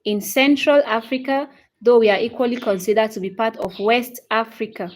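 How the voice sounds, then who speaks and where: A woman in her thirties with a Cameroonian English accent hosts a casual live English lesson, greeting viewers by name and responding to their comments one at a time. Her voice is slightly high and mildly mellow, with a steady tone and moderate pace. She tends to repeat phrases and checks in with "okay?".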